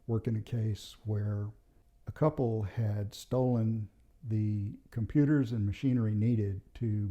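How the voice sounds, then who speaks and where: Speaking in a fairly low, mellow voice, a man who used to be a police officer shares true stories from his time on the force. His casual anecdotal storytelling is plain and matter-of-fact.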